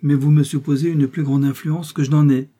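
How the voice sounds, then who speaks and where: Un homme qui fait parler une jeune femme réservée et douce mais ferme, dans un livre audio. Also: male voice, fairly high pitch, flat delivery, brisk, dark tone, pitched above the performer's own voice, close to an everyday voice. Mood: earnest, reserved. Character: reserved young woman, gentle, quietly firm.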